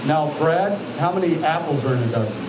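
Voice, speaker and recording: Brisk and lively in intonation, this fairly high male voice comes from an altitude chamber instructor running live hands-on training. He moves among trainees, directing them, testing them with questions, and calling them sir. The sound is echoey and far from the mic, with heavy machinery hum.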